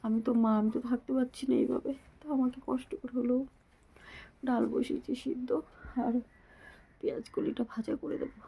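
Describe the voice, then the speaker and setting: A woman who is sick with a fever, talking softly and weakly to her viewers in a casual home vlog. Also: sits high, flat delivery, a little fast, gravelly, breathy edge. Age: adult mother. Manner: speaks softly, often near a whisper. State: ill with fever, weak voice. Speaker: family vlogger.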